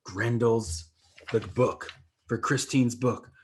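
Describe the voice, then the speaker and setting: A man's voice: medium pitch, fairly even intonation, takes it slowly, slight background noise. A man co-hosting a comic book podcast, talking casually and acting out the panels with sound effects. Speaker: podcast co-host.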